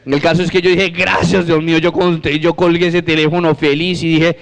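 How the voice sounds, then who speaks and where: A man shares his religious testimony with an audience in a fairly high voice. He tells it like a lively story, acting out each conversation and keeping it light with humor. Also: brisk. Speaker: speaker giving a religious testimony.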